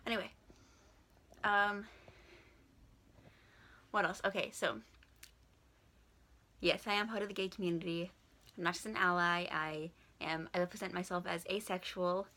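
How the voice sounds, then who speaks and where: A woman's voice: fairly low pitch, fairly even intonation, normal speed, pauses often, sharp tone. A young woman from Washington State with a speech impediment, saying w for r, chatting frankly and informally in a question-and-answer vlog. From Washington State, USA. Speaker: vlogger.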